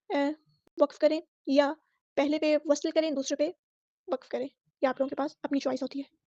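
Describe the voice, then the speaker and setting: A woman with a Pakistani Urdu accent teaches Quran recitation, breaking down each letter before chanting the verse slowly. Her voice sits high and stays fairly level. The recording is dry and a little dull. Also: mellow, no echo. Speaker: Tajweed teacher.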